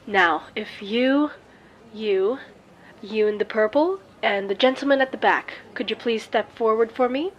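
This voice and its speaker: In a fantasy audio roleplay, a woman with a rather high voice plays a grandiose showwoman guide, full of salesmanlike patter and dramatic pauses, in a bright, courteous mood.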